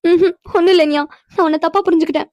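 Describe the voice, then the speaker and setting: An emotional young older-sister figure in a cartoon speaks earnestly. Her voice is high and quick, and the recording is dry. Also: steady tone, a little mellow, no room sound. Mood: tearful. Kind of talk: animated cartoon dialogue.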